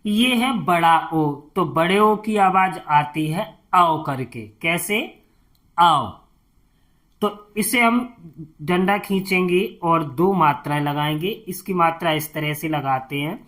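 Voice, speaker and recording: A woman's voice: on the low side, takes it slowly, a bit bright. A woman teaching the Hindi alphabet step by step, patiently repeating each sound and often checking with the listener. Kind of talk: slow step-by-step alphabet lesson.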